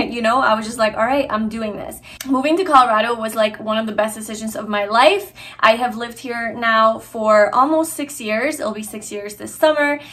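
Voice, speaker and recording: Speaking to her vlog audience, a young woman from Hungary is casual and earnest, often restarting and using fillers. Her voice is fairly high, bright and forceful.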